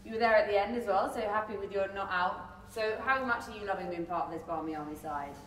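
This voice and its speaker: In an indoor press conference room, a woman moderates a sports press conference and asks casual interview questions. Her mid-range voice moves fast, and the recording is echoey, with a distant mic and faint noise.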